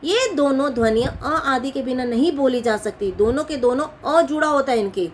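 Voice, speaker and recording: A woman with a high voice teaches grammar in a patient classroom manner. She poses questions and answers them herself, going over each point more than once. A faint hiss sits under the recording. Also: normal speed. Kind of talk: classroom-style explanation.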